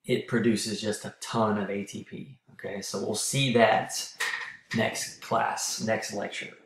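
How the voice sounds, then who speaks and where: A man giving a recorded college lecture, clearing his throat often and checking in with "okay?", as he is losing his voice. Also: fairly low pitch, steady tone, slow pace, roomy sound, heavy background noise.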